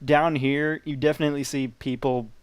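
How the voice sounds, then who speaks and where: A man's voice: a little high, flat delivery, normal speed, a crowd in the background. A man narrating as game master in a casual, hesitant way with many fillers.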